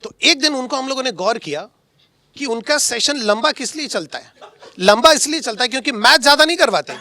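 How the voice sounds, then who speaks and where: A man's voice: very high-pitched, lively intonation, brisk, bright, forceful tone, dry recording. A young man, a coaching teacher, chatting casually and teasing his colleagues with frequent laughs. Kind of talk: casual joking chat among colleagues.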